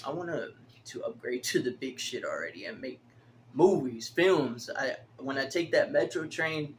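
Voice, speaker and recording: A man's voice: medium pitch, normal speed, slight background noise. A man in his early forties rambling casually to the camera, swearing freely and laughing through his stories. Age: 40s. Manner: profane, laughs often, animated storytelling. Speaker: vlogger.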